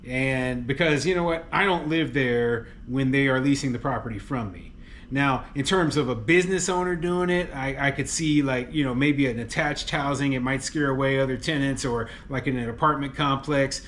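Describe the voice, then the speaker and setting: A man's voice: mid-range voice, moderate pace, fairly bright tone, a little hiss or hum. A man who is a landlord, casually commenting on a news article with lots of fillers, frequent laughs and exasperated opinions. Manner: chatty, laughs often, many fillers like "you know" and "okay". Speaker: landlord and real estate commentator.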